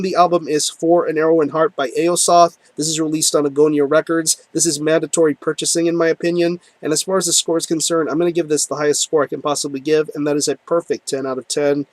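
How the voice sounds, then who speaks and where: A man's voice: on the high side, no room sound. A man reviewing an album in a casual, enthusiastic monologue, full of ums and repeated words. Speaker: music reviewer.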